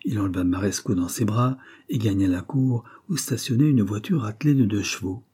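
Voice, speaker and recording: A man reading a novel aloud in steady, even narration. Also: fairly low pitch, brisk, breathy edge. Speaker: audiobook narrator.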